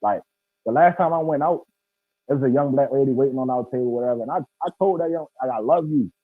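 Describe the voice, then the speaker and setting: An American guy in his thirties speaks fast, with a medium-pitched, breathy voice, during a casual and animated video call from indoors. He's emphatic and slangy, repeatedly saying "bro," and the call audio comes through thin and phone-like.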